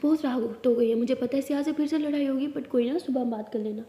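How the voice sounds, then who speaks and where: A woman's voice: sits high, quick pace, dark tone, close to an everyday voice. A woman voicing an easygoing teenage girl who casually reassures her friend, in a storytelling reading. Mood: casual reassuring. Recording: echoey room with long reverb.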